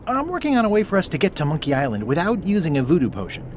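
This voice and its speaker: An eager, good-natured would-be pirate in a video game, with a wry and very animated delivery. Faint ambience sits behind the voice. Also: male voice, a little high, racing, a little hiss or hum.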